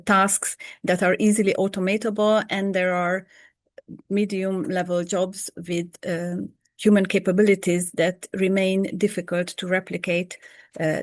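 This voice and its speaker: A woman, a PhD candidate, giving an academic presentation on a video call, pausing often with ums. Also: mid-range voice, dry recording, studio quality. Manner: hesitant, many ums.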